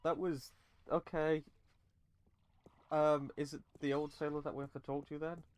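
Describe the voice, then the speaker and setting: A man's voice: on the high side, flat delivery, normal speed, smooth. A man hosting a let's play with casual commentary and impatient, sweary asides.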